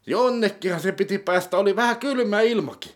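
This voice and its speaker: A man's voice: high voice, pitched above the performer's own voice, lightly acted. A man voicing a fretful, easily worried character in a comedy sketch, complaining and asking anxious questions. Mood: whiny. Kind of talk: comedy sketch role-play.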